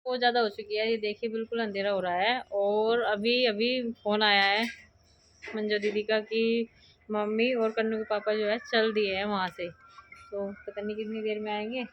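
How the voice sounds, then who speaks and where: Young female family vlogger with an Uttar Pradesh Hindi accent, chatty and explanatory, everyday mid-pitched voice. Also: level tone, moderate pace, highs cut off, slight background noise. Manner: chatty, explains each chore to viewers as she works. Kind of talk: casual vlog narration of housework.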